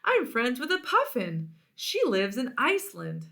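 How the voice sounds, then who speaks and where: A woman voicing a small, eager, self-absorbed male bird in a storybook, excitable and boastful. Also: a little high, unhurried, gravelly, voice pushed up, full character voice.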